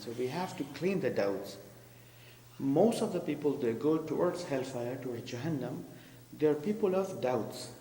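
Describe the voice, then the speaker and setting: Preaching in an echoey hall with a faint hum, a man with a warm, mid-range voice delivers commentary on the sermon. He defines terms as he goes and asks the congregation questions.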